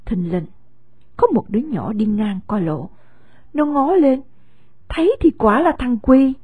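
A woman with a Southern Vietnamese accent reads a story aloud with a lively, rising-and-falling delivery. Her voice is dark and husky, recorded dry and close with no room around it. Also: fairly high pitch, measured pace, dry recording. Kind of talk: scripted story narration.

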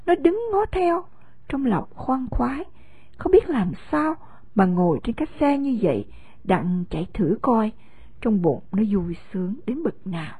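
A woman with a Southern Vietnamese accent narrating a story in an expressive storytelling way. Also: on the high side, unhurried, slightly rough.

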